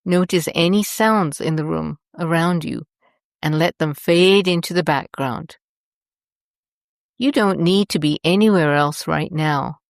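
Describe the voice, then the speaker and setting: Speaking very slowly, a woman with a low, creaky voice leads a guided meditation. She sounds gentle, soothing and deliberate. The audio is close and dry, without any room echo.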